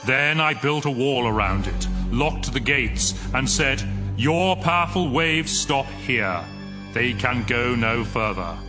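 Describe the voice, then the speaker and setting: A man's voice: medium pitch, animated, slow pace. An actor playing a stern, almighty God in a dramatized audio Bible, solemn and commanding as he challenges a mortal. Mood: stern, majestic. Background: music under the voice.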